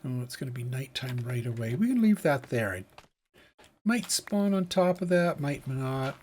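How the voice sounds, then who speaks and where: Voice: medium pitch, very animated, normal speed, a little mellow, a little hiss or hum. A let's-play host giving casual gameplay commentary, musing aloud and thinking through each task step by step.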